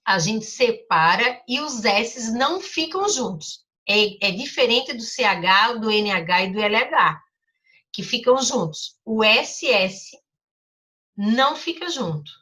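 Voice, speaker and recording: A woman teacher with a Brazilian accent giving a slow, careful lesson to children, spelling out syllables and reading aloud. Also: on the high side, expressive, sharp tone, recorded from a distance. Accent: Brazilian Portuguese. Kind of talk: recorded class lesson with read-aloud.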